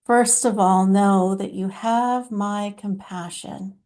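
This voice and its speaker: Brief: woman voicing a motherly divine spirit, compassionate and soothing, mellow tone, very measured delivery. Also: mid-range voice, fairly even intonation, natural voice. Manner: slow, soothing, motherly address to listeners as children. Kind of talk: channeled spiritual message.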